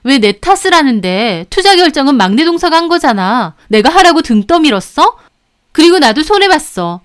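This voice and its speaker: A woman's voice: on the high side, very animated, a little slow, pushed and bright, no echo, clean studio sound, voice pushed up, heavily acted. A woman voicing a defensive middle-aged sister-in-law who snaps back during a family fight in a story narration. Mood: defensive, snapping. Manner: snapping, defensive.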